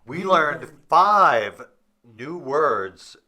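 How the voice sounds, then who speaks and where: A man reads a music lesson script clearly, explaining each idea. His pitch moves a lot and his pace is slow. Clear background noise runs under his voice. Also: very animated.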